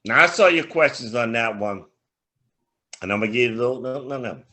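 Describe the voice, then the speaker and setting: A man's voice: mid-range voice, brisk. An older man co-hosting a casual sports podcast, telling stories with lots of laughter and swearing. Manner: animated, laughing storyteller, swears freely. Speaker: podcast co-host, grandfather.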